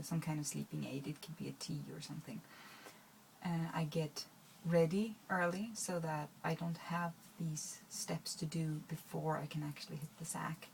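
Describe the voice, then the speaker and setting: This low-quality recording carries a faint hiss or hum under a low, creaky female voice. The speaker is a vlogger whose first language is Swedish, chatting to camera in a rambling, halting way, often restarting and using fillers.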